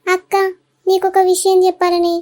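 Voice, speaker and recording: A woman's voice: very high voice, monotone, normal speed, a little mellow. A woman voicing an aggrieved younger sister in a cartoon, complaining and tattling in a Telangana accent. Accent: Telangana Telugu.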